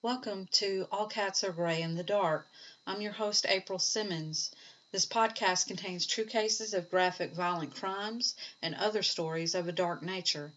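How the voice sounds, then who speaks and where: A woman with a Southern US accent reading a scripted podcast intro and content warning in a slow, deliberate way. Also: fairly low pitch, a bit bright. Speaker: podcast host. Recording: dull lo-fi voice-over over faint music.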